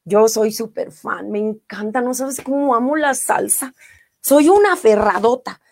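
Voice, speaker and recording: A middle-aged woman with a Mexican accent, a singer chatting casually on a live stream, reading viewer comments warmly and effusively. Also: a little high, expressive, a little slow, creaky.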